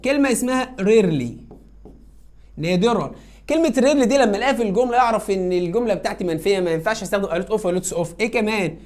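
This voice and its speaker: A woman's voice: medium pitch, lively intonation, quick pace, a little mellow. A woman with an Egyptian Arabic accent teaching an English grammar lesson, coaxing students and answering her own questions.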